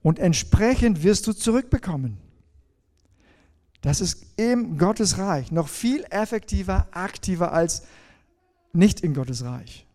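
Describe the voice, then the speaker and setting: A man preaching a sermon in a conversational way, asking his listeners questions and slowing down on key phrases. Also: high-pitched, animated, mellow.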